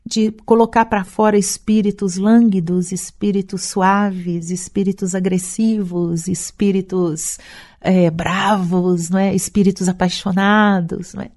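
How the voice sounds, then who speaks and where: A woman's voice: medium pitch, little pitch movement, a little slow, darkish tone. A woman singer speaking thoughtfully in an interview, often adding a questioning tag to her sentences. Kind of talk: reflective interview talk.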